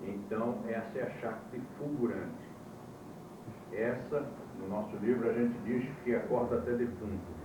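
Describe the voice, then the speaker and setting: Man lecturing on an old VHS tape. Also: fairly low pitch. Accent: Brazilian Portuguese. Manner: explanatory, spells out terms slowly. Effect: old VHS tape recording. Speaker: yoga teacher. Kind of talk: classroom lecture. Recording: hissy old VHS tape, echoey room, far mic.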